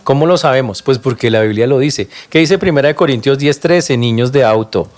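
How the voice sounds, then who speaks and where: A man preaching a sermon as pastor, emphatic and animated, questioning his congregation directly and tossing in sharp interjections. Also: medium pitch, brisk.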